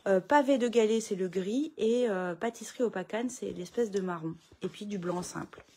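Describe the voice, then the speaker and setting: A woman's voice: mid-range voice, normal speed, darkish tone, slight background noise. A middle-aged woman, chatting casually through a papercraft tutorial from her home craft room, full of fillers and restarts.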